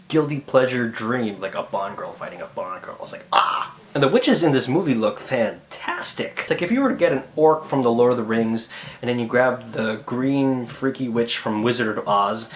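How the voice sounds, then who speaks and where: A man giving a casual, lively movie review, acting out quoted voices and dropping into whispered asides. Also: mid-range voice, normal speed.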